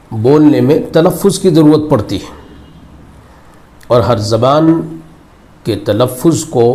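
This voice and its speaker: A man's voice: mid-range voice, darkish tone. A man teaching English verb forms, repeating each word several times in formal, Urdu-flavoured Hindi. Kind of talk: slow recorded vocabulary lesson.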